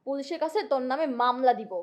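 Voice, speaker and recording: Actress as scornful young woman, high voice. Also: steady tone, lightly acted. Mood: furious. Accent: Bangladeshi. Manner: scolding, dramatic drawn-out emphasis. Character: scornful young woman confronting her unfaithful, greedy boyfriend. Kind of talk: melodramatic short-film acting.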